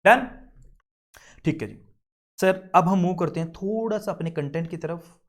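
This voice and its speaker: Indian man, young, high voice, animated lecturer who scolds and jokes with students. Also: a little slow. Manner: lively, scolding, switches between Hindi and English legal phrases. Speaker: teacher.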